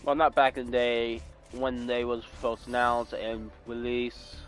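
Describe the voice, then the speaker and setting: A young man from California chats his way through gameplay in a relaxed, unhurried drawl. He rambles and keeps correcting himself mid-sentence. Soft music plays faintly underneath. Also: medium pitch. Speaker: gaming YouTuber. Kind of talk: casual gameplay commentary.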